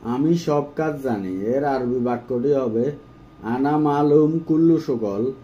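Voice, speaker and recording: A man giving a phrase-by-phrase language lesson, saying each phrase and then repeating it slowly and carefully. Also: medium pitch, dull audio, slight background noise. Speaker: language teacher.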